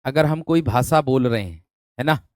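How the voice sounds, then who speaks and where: A man's voice: medium pitch, expressive, moderate pace, no echo. A male teacher running an online exam-prep class, calling students "my friend" and repeating questions to drill them. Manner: addresses students as "my friend", asks for thumbs up.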